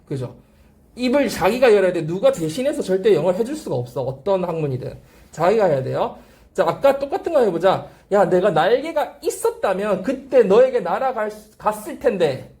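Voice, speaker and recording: Brief: animated, mellow-toned language teacher; repeats drill phrases, prompts students with quick check-ins. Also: mid-range voice. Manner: asks frequent rhetorical check-questions. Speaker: English teacher at a language academy. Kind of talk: classroom grammar lecture.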